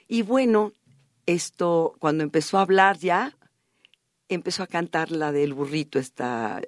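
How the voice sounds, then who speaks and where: A woman's voice: low-pitched, no echo, clean studio sound. A middle-aged woman with a Mexican accent, recalling family memories as a radio guest, full of fillers. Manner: warm storytelling, frequent fillers "este" and "esto". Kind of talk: reminiscing interview talk.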